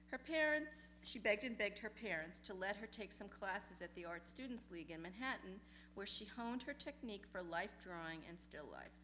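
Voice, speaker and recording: A woman reading personal essays aloud in a lecture hall, measured and deliberate, letting phrases linger. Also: medium pitch, a bit bright, a little hiss or hum. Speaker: essay reader at a memorial reading.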